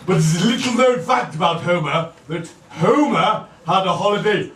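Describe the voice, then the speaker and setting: A man as a shrill, camp pantomime wine god. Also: lively intonation, normal speed. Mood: mock-grand. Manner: camp, theatrical, mock-lecturing, crude asides. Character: camp, bawdy Bacchus, Roman wine god and pantomime storyteller. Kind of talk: live comic pantomime monologue. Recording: echoey, distant live stage recording, noisy audience. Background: loud laughing audience.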